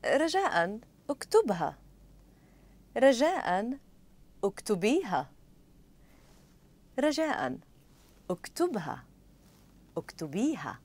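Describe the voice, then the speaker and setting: A woman speaking set phrases for a language lesson, saying each one twice in a careful, deliberate way. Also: on the high side, sing-song, darkish tone. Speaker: model speaker for phrase repetition. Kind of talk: scripted phrase drills.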